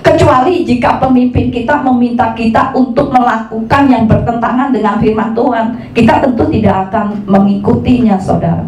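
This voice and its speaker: A woman pastor preaching a lively sermon, dropping into slang and acting out the voices she quotes. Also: on the high side, moderate pace, hardly any pauses, roomy sound, distant mic, slight background noise, low-quality recording. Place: church hall.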